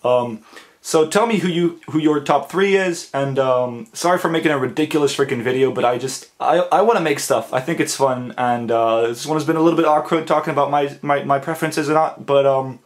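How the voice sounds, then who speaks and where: A man's voice: mid-range voice, a little fast. A man rambles casually to his viewers, tripping over his words and restarting often. He has an ordinary mid-range voice and leans hard on emphatic, crude slang. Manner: stammering, repeats words, frequent fillers. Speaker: anime vlogger. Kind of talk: casual ranking monologue to camera.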